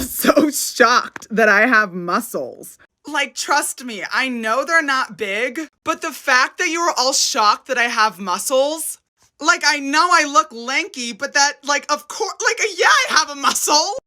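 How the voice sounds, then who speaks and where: A woman's voice: high voice, animated, a little slow, bright, forceful tone. A woman talking to her followers in a casual vlog, defensive and rambling with fillers.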